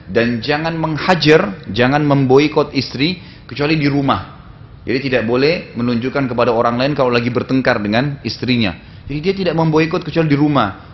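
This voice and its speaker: A man's voice: mid-range voice, a little hiss or hum. Male preacher in a dull lo-fi recording. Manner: conversational storytelling with frequent tag fillers. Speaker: Islamic preacher. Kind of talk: sermon lecture.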